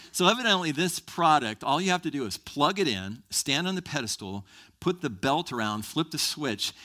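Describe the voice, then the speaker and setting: A male pastor preaching a sermon to his congregation, animated and emphatic, building in intensity. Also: medium pitch.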